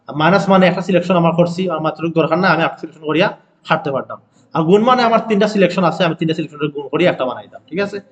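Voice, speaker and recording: A man teaching a design software class, repeating steps and often checking that his students follow along. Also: on the high side, dull audio. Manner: keeps asking students if they follow; repeats steps and self-corrects. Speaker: design instructor. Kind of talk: screen-recorded software tutorial.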